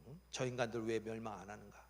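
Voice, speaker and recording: A man's voice: on the low side, steady tone, racing, mellow, voice pushed down, lightly acted. A man voicing a sulky, self-centred male prophet who grumbles, in a reverberant church hall.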